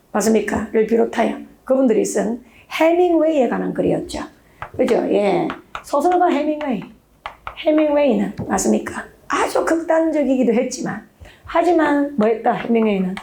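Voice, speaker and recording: A woman's voice: high voice, darkish tone, a little hiss or hum. A woman English exam instructor, lecturing emphatically and checking in with rhetorical questions. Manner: emphatic, peppers talk with rhetorical check-ins. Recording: echoey room.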